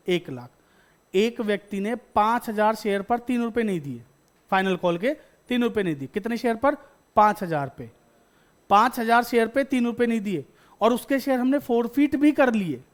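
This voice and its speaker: A male teacher, giving a classroom lecture. He fires questions at the class, repeats each point, and answers himself before moving on. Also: high voice. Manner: addresses students as beta.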